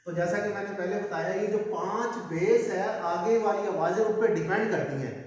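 Guy teaching a language lesson, high voice, far from the mic in a really echoey room, drags out the sounds. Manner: slow drawn-out pronunciation drills. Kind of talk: recorded video lesson.

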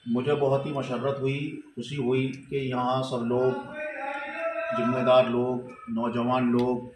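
A man's voice: mid-range voice, completely flat delivery. A man, a goat farm owner, giving a formal and earnest thank-you speech into a handheld mic indoors, surrounded by a crowd. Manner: slow, earnest, formal Urdu phrasing. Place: indoor hall with a crowd of men. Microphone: handheld mic held close. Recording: echoey room with some noise.

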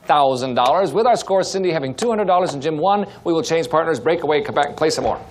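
A man's voice: fairly high pitch, animated, fast. A man hosting a television game show in a studio, chatty and encouraging. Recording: noisy studio broadcast with loud audience.

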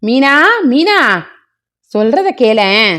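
A woman's voice: a little high, big pitch swings, drawn-out words, a bit bright, smooth, full character voice. A woman voicing a middle-aged husband who pleads and tries to soothe his crying wife. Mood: pleading.

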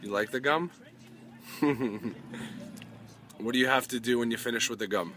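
A father talking gently and patiently with his small child while driving, filmed on a phone. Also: medium pitch, moderate pace, crowd noise. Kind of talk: casual chat with a child. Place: in a moving car. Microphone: phone camera held while driving. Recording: car road noise.

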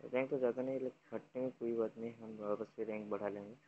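A man's voice: medium pitch, quick pace, slight background noise. Man streaming a game, lo-fi. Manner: excited, shouts instructions to teammates. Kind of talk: live gameplay commentary.

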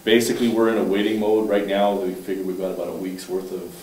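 Low-voiced male councillor, halting and plain-spoken; distant, echoey room mic. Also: level tone, a little mellow, a little hiss or hum. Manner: halting, with restarts and fillers, matter-of-fact. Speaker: town councillor. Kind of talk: reporting at a council meeting. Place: council chamber, indoors. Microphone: far room mic.

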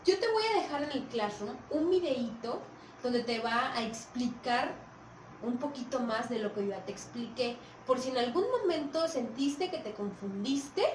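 Patient Mexican woman teacher, high voice, echoey room. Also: distant mic, a little hiss or hum. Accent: Mexican Spanish. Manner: patient, repeats points and checks understanding often. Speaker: primary school teacher. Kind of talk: recorded video lesson for children.

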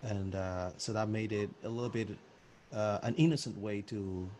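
Man from Cuba, musician, reflective spiritual manner, low-pitched, faint background hiss. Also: fairly even intonation, moderate pace, a little mellow. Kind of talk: video call introduction. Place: Barcelona home. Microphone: video call.

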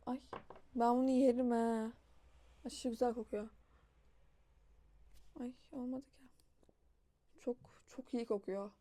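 A woman's voice: fairly high pitch, fairly even intonation, slow pace, pauses often, mellow. A young woman chatting casually at home as a vlogger, laughing often and cooing at a little child. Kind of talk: casual vlog chat.

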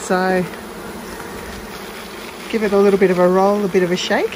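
An Australian woman gives a casual, unscripted, step-by-step beekeeping demonstration outdoors in a garden among beehives, narrating in a practical, hands-on way. Her medium-pitched voice varies little in pitch and moves at a normal speed, with buzzing bees and outdoor ambience clearly audible in the background.

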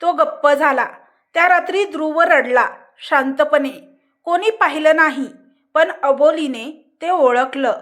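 A woman reads a novel aloud in calm, measured narration. Her voice sits high, and she takes her time with every line. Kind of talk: scripted narration.

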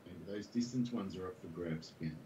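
A man's voice: low-pitched, a little fast, warm tone, lo-fi sound. A man playing a golf video game with a friend, muttering and talking himself through each shot. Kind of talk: casual gaming chat. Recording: noisy background.

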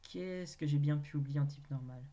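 A gaming video host with a mellow, mid-range voice ponders a naming quiz out loud. Hesitant and slow to answer, the host fills long pauses with wry jabs at themself.

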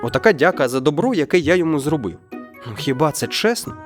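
An earnest villager, honest and pleading, as a male narrator puts him on. His voice rises and falls in a lively way as he argues his case. Soft music plays behind him. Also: a little high, fast talker, pitched above the performer's own voice. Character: kind, honest village man pleading for justice. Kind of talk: storybook reading.

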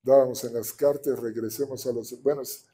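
A man with a Mexican accent preaching a sermon as a pastor, animated and often asking the congregation for agreement. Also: medium pitch, moderate pace. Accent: Mexican Spanish.

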